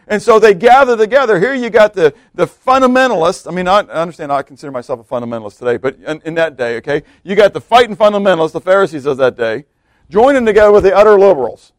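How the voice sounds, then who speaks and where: Male preacher, fairly high voice, chatty and conversational, drops to hushed asides, dry recording. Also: expressive, fast talker, dry recording. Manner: conversational, keeps checking in with "okay?" and "right?"; often drops to a hushed low voice for emphasis. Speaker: pastor. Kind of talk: expository sermon.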